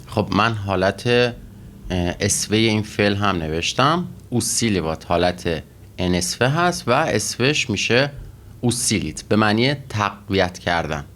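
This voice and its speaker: A man teaching Russian vocabulary and grammar in a methodical way, pausing often with fillers as he explains each word. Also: lowish voice, lively intonation, a bit bright, a little hiss or hum. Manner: methodical, with frequent pauses and fillers.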